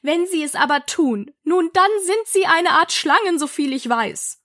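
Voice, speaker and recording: Woman voicing a shrill scolding pigeon. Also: animated, unhurried, a bit bright, no room sound, clean studio sound, full character voice. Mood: contemptuous. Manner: shrieking, indignant, scolding. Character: shrill fretful female pigeon guarding eggs. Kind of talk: storybook reading.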